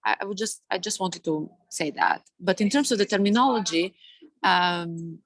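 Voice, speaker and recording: A woman from Serbia with a Serbian accent, speaking on a webinar panel in a halting way with many fillers and restarts. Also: fairly low pitch, expressive, dry recording. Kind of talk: webinar discussion. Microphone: video call.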